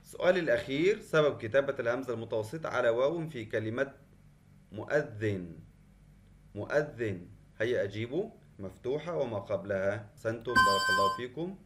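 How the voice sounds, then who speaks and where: A male teacher giving an online class lesson at a measured, patient pace. His voice sits in the middle range. He explains step by step and repeats the key points. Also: medium pitch, lively intonation. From Qatar. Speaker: Arabic teacher.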